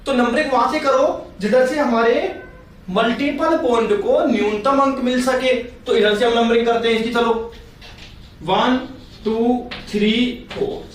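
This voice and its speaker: A patient chemistry teacher with a very high-pitched voice lectures at a measured pace with fairly even intonation, repeating points and quizzing his students. The sound is distant and very echoey, with faint noise.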